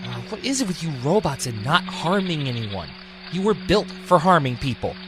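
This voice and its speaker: An actor playing a suspicious, hot-tempered echidna guardian in an amateur radio drama, blunt and sarcastic. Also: male voice, fairly high pitch, very animated, moderate pace, over music. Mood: hostile, sarcastic. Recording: noisy home recording.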